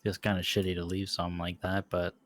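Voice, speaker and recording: A man's voice: sits low, monotone, fast, fairly bright tone, a little hiss or hum. A man chatting casually as a player in a tabletop role-playing game.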